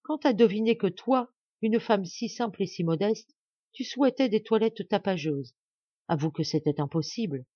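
A woman's voice: medium pitch, expressive, moderate pace, dark tone, husky, no echo, muffled recording. A woman reading a novel aloud, voicing a proud and cunning young noblewoman who speaks coldly and with control. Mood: reproachful. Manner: cold and controlled, then coaxing.

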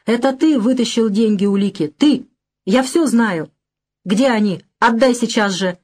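A woman's voice: fairly high pitch, expressive, a little slow. A woman voicing a young man who hurls hateful accusations at a drunk. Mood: furious.

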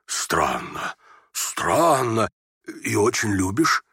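A man's voice: lowish voice, sing-song, drawn-out words, sharp tone, husky, dry recording, clean studio sound, heavily acted. A man reading aloud and voicing a bewildered, fussy older general who stammers and exclaims.

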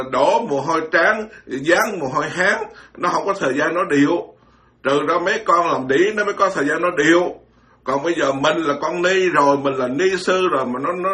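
A man's voice: a little high, bright, forceful tone. A man, a Buddhist monk giving an informal dharma talk, blunt and scolding, mocking others and stammering through repeated words.

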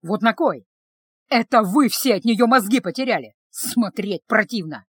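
A woman voicing an angry young village man who talks in a low, hissing, bitter voice. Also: expressive, moderate pace, husky, no echo, clean studio sound. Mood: seething, bitter.

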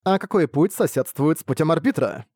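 A man's voice: fairly high pitch, animated, fairly quick, darkish tone, no room sound, clean studio sound, voice pushed up. A man reading the part of a young woman in an audiobook, reasoning aloud in a thoughtful way. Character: hopeful young woman weighing her options.

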